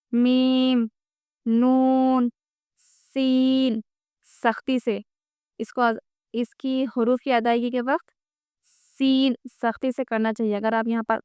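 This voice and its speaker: A woman gives a recorded Quran reading lesson, reciting letters one at a time with patient repetition and explaining pronunciation, especially how throat sounds should be made. Her voice is fairly high and smooth. The studio sound is clean with no echo.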